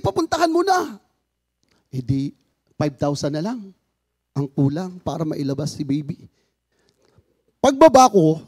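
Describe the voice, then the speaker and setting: High-voiced man telling an earnest testimony. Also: warm tone, no echo. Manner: earnest, acts out quoted dialogue. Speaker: father sharing a personal testimony. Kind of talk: faith testimony storytelling.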